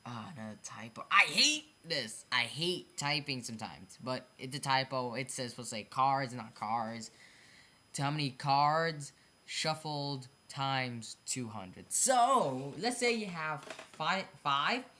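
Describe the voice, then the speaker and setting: Taking it slowly, a hobby card game video creator with a bright, animated medium-pitched voice walks through custom card designs in a casual, off-the-cuff way. The delivery is repetitive and self-correcting, with stumbles and apologies for their own errors.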